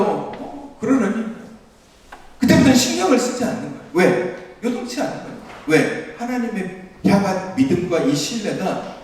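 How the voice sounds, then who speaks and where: A man's voice: high voice, darkish tone. A man preaching a Sunday morning sermon as pastor, earnest and exhorting, recorded from a distance in an echoey church hall. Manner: earnest, exhorting, with light laughs. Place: church sanctuary.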